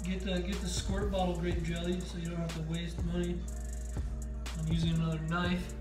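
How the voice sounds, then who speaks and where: A man's voice: high-pitched, normal speed, over music. A young man vlogging casually from his apartment, talking through a stretching routine and joking while he makes a sandwich. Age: young adult. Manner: relaxed, joking, easygoing. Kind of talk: casual vlog and stretching instruction. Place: small apartment room, indoors.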